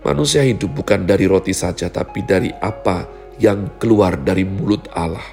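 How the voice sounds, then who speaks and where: A man preaching a sermon in an animated way, acting out quoted voices. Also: low voice, moderate pace, gravelly, faint music behind. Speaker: pastor.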